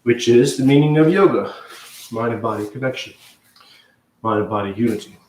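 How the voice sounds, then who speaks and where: Echoey man guiding slow breath counting. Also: mid-range voice, a little mellow, a little hiss or hum. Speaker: yoga and meditation teacher. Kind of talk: guided meditation instruction, loosely ad-libbed. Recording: echoey room, distant from mic.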